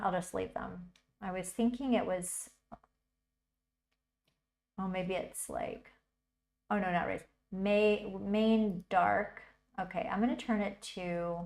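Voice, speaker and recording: A woman's voice: medium pitch, vocal fry. A woman hosting a casual art livestream, chatting and thinking aloud as she works, with frequent bursts of delight. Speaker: livestream host teaching digital art.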